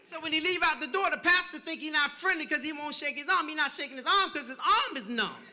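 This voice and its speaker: Bright, teasing preacher-comedian in a roomy hall. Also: male voice, very high-pitched, animated, fast talker. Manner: loud, teasing crowd work with call-and-response. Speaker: pastor and comedian. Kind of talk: stand-up comedy set. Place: church sanctuary before a live audience.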